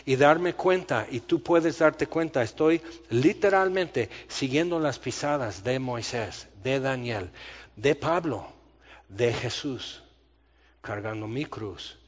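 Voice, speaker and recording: Brief: male preacher, theatrical, rambling storyteller, dull lo-fi sound with long hall reverb. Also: medium pitch. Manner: self-described long-winded, talks fast and theatrically. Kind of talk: sermon.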